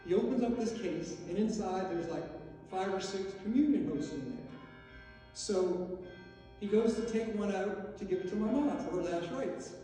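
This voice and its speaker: Middle-aged man, eulogy raconteur, higher voice, distant church PA sound with long reverb. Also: dark tone. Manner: anecdotal, joking with the audience. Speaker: son giving a eulogy. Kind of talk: humorous eulogy storytelling. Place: large church. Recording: echoey church hall from far off.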